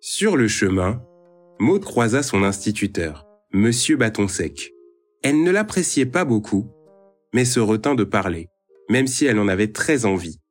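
A man narrating a children's story in a calm, expressive read-aloud manner. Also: on the low side, measured pace. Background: faint music.

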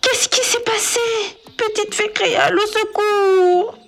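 A woman voicing a small boy in a children's storybook, high and childish in tone. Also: sing-song, slow pace, faint music behind, exaggerated voice. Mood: frightened. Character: small boy, scared then sorry.

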